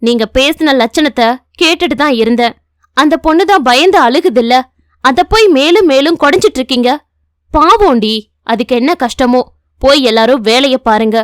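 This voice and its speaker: A woman voicing a kind, motherly village woman in her thirties who speaks gently and soothingly, though she stays firm with others. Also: sits high, lively intonation, normal speed, no echo, clean studio sound.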